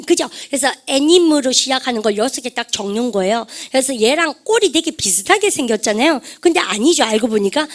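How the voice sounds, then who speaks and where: Woman teacher lecturing her class, kinda high voice, keeps asking the students questions. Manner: lively, repeats "여러분들", asks the class questions; refers to herself as "쌤". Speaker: English vocabulary teacher.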